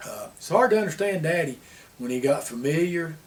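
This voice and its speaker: A man's voice: fairly high pitch, animated, a little fast. An older man with an Appalachian accent tells family history in a folksy, rambling porch-sitter way, dropping his word endings. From Appalachian Tennessee, US. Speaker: interviewee sharing family history. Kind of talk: unhurried oral-history storytelling, like a porch sitter reminiscing. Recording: distant mic with background noise.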